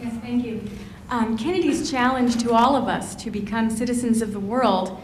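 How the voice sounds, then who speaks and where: A woman's voice: fairly high pitch, normal speed, slight background noise. Polite woman asking from the floor. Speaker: audience member asking a question. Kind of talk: question from the floor.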